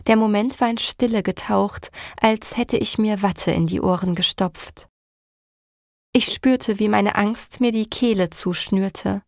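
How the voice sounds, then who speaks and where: Female audiobook narrator, gravelly texture, dry close sound, emotional first-person reading. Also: medium pitch, no echo. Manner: emotional, measured storytelling.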